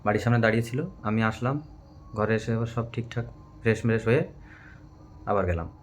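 A man's voice: on the low side, a little fast, slight background noise. A man talking casually with his wife at home at night, practical and a bit defensive about his work. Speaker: vlogger's husband. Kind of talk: casual domestic conversation.

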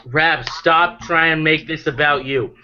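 A man's voice: fairly high pitch, steady tone, unhurried, noisy background. A drunk man hosting a casual chat, rambling with loose restarts. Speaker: host. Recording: dull lo-fi sound.

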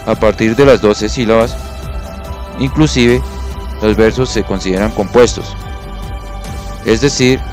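Male teacher, lower voice, patient and methodical, faint music behind. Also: darkish tone. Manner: patient, counts syllables aloud, checks understanding. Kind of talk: explanatory classroom lesson.

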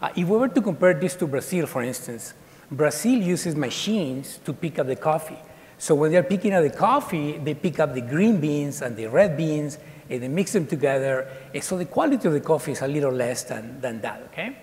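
A man's voice: on the high side, brisk. Chatty man talking in a reverberant hall. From Colombia, raised in Ecuador. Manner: lively, chatty, with many fillers and restarts. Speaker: guest speaker. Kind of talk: casual talk to students. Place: large dark auditorium.

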